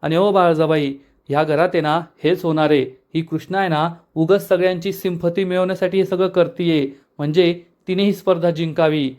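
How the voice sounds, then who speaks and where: A man's voice: a little high, steady tone, a little fast, a little mellow, natural voice. A man voicing a scheming, shameless young woman in a retold TV serial scene, who feigns innocence and snaps back in indignant denial. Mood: angry.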